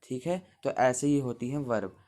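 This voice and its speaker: Male teacher, mid-pitched, patient, spells words out, talks to kids at the board. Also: moderate pace, darkish tone. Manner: patient, explains step by step, spells words out letter by letter; talks to the class as children. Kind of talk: Hindi grammar lesson at a board.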